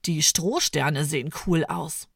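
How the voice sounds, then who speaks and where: A woman voicing an eager little boy who is quick to tears, in a children's audio story. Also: deep voice, creaky, a bit bright, dry recording, studio quality, voice pushed down, heavily acted.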